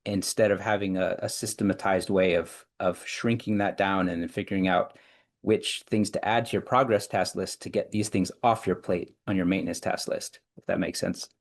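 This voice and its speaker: A man with a notably deep voice speaks as an interview guest. He lays out his points in long, careful chains of reasoning, often circling back to restart a phrase. The delivery is measured and explanatory. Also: fairly even intonation. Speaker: clinical psychologist and executive coach, guest.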